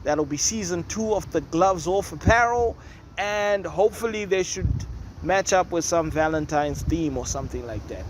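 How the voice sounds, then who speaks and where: High-voiced man, chatty host. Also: lively intonation, normal speed. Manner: chatty, opinionated, rambling asides. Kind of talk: casual commentary. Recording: noisy with loud music nearby. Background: neighbours' music and noise.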